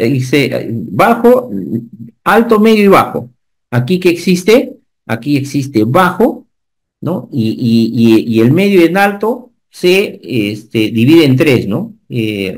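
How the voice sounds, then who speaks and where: A man, giving an animated online safety lecture and often checking whether the class follows. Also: fairly high pitch. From Peru. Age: 50s. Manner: animated teacher, asks the class checking questions. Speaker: occupational safety instructor.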